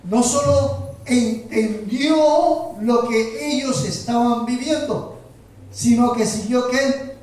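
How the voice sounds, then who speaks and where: Slow-preaching man, echoing church. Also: very high-pitched, a little mellow. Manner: slow, emphatic preaching with rhetorical questions. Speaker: pastor. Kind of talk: sermon. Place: church sanctuary. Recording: roomy echo, heard from a distance.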